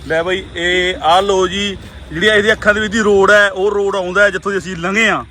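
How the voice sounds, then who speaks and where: A man's voice: high voice, fairly even intonation, fairly quick, pushed and bright. A man chatting casually and playfully on camera, outdoors at a roadside stop. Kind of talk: casual joking chat on camera. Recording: faint outdoor traffic noise.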